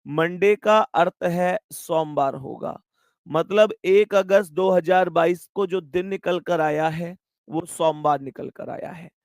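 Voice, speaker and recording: Man, exam-prep teacher, high voice, gravelly, dry close sound, chatty, affectionate. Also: no room sound. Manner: chatty, affectionate, repeats "my dear friends". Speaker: maths and reasoning teacher. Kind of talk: exam-prep online class.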